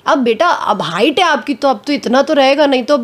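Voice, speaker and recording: An actress chats casually in an interview at home, speaking frankly at a normal speed in a high, animated voice. A cold has left her a little hoarse, and she slips English phrases into what she says.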